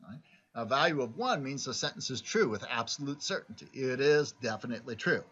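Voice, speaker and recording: A man's voice: mid-range voice, expressive, a little fast, sharp tone, husky. A man giving a recorded philosophy lecture, explaining step by step and often checking in with "right?". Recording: dull lo-fi recording.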